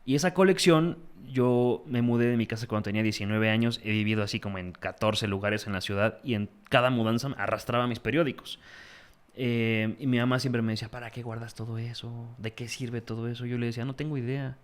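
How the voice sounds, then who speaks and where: A young man with a Mexican accent, a guest in a casual interview, telling stories in an animated, slangy way. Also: medium pitch, fairly quick, smooth. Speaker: guest, magazine founder.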